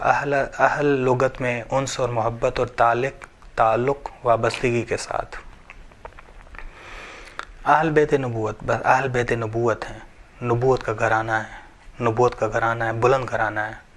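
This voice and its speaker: A man's voice: mid-range voice, fairly bright tone. A man teaching a religious lesson, explaining each point, repeating phrases and reciting scripture. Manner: repetitive, explanatory, asks and answers his own questions.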